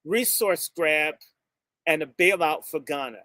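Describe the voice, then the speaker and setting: Speaking at a measured pace, this man from the United States has a fairly high, bright, forceful voice as he gives a fiery speech to a gathering. He elongates key words, insults bluntly, and hops between topics. The recording is studio quality with no room sound.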